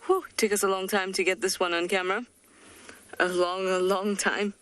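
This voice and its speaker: A woman's voice: medium pitch, flat delivery, normal speed, a bit bright. Chatty woman safari guide out in the bush, playful, medium voice. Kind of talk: live wildlife commentary. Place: outdoors in the bush.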